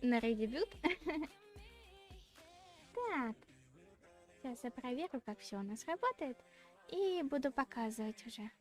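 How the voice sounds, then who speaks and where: Cute anime streamer girl voice, adult woman, really high, slow chatty livestream talk, kinda shy and giggly. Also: animated. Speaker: VTuber streamer hosting a redebut stream. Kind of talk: casual livestream chat with viewers. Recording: clear background music. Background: music.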